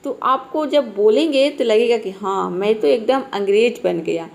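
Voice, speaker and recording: A woman's voice: on the high side, moderate pace, creaky. A woman teaching English spelling rules, explaining patiently and repeating each point with questions she then answers. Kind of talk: spoken English lesson.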